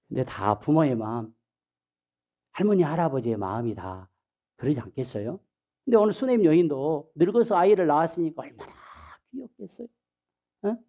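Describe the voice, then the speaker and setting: A male pastor giving a sermon, telling the story in an animated way, acting out the people in it and dropping into soft asides. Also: fairly high pitch, moderate pace, long pauses, lo-fi sound.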